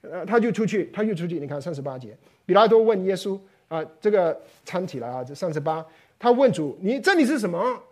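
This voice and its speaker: A man preaching an expository sermon. He is animated and often acts out the voices he quotes. He repeats words and sometimes drops to a hushed, low voice for emphasis. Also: fairly quick.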